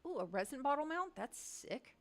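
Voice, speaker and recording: A woman chatting excitedly on a casual livestream, thinking aloud in slangy, chatty bursts. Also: sits high, moderate pace.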